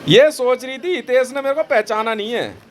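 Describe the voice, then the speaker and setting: A man telling a dramatic story in a boastful, animated way, quoting the dialogue as he goes. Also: very high-pitched, normal speed. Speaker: vlogger recounting phone calls.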